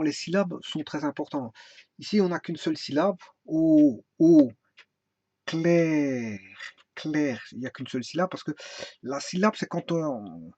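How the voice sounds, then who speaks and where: Halting man teaching music theory. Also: fairly high pitch, slightly rough, no room sound. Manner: halting, many fillers and restarts, sings phrases slowly. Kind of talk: informal solfège lesson. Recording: dry, dull lo-fi sound.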